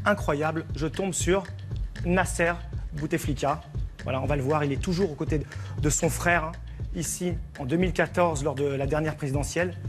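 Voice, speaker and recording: Higher-voiced male TV reporter. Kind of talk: lively spoken report to studio.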